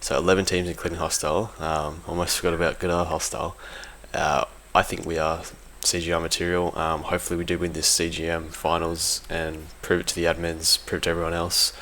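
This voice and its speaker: A bit fast and with few pauses, a man from a competitive gaming team shares opinions in an unscripted audio log. His voice is low and nearly monotone but bright and forward in tone. Informal and hesitant, he keeps rewording himself over some background noise.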